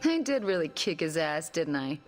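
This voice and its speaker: Soft music plays behind a low, sing-song female voice at a moderate pace. She's performing cutscene dialogue as a game character, a self-doubting witch whose tone is wry, sardonic and blunt.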